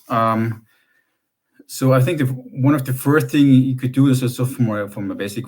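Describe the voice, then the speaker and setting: A man explaining at length in a panel discussion, halting, with many restarts. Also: mid-range voice. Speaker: panel expert.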